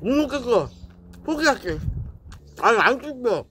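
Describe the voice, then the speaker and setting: A woman's voice: a little high, sing-song, racing, fairly bright tone, soft background music. A woman streaming a live eating show, talking bluntly with her mouth full. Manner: blunt, grumbling. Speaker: mukbang streamer. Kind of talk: casual live-stream chat.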